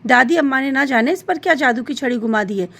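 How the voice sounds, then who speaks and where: A woman's voice: sits high, lively intonation, fast talker, a bit bright, heavily acted. A woman doing a scolding, impatient mother. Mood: irritated.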